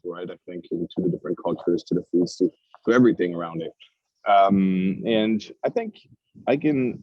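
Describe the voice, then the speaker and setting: Low-voiced Swiss man, halting and thoughtful. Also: dry recording, dull audio. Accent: Swiss French. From Switzerland. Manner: thoughtful, repeats words as he searches for them. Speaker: guest, cigar company founder. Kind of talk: casual podcast interview.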